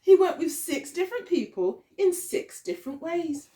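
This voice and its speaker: Reading a picture story to young children, a woman teacher keeps her delivery expressive and often stops to pose questions to them. She sounds warm and sing-song, with a very high pitch.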